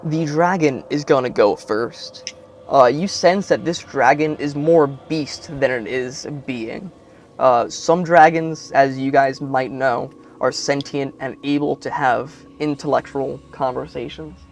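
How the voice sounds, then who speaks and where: A man's voice: medium pitch, soft background music. A man running a tabletop game, narrating scenes with some fillers. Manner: unhurried descriptive narration with fillers. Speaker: game master.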